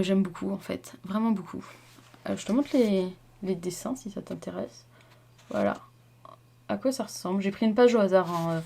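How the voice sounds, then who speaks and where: A woman's voice: mid-range voice, darkish tone. A young woman chatting casually to camera about her reading, rambling with lots of fillers and self-corrections. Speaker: book vlogger.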